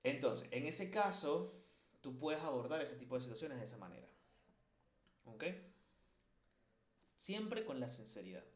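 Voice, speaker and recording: A man's voice: mid-range voice, sing-song, a little slow, pauses often. A man giving a spoken psychology class in a candid, conversational way, often correcting himself and restarting sentences. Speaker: psychology lecturer. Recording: roomy, dull lo-fi recording.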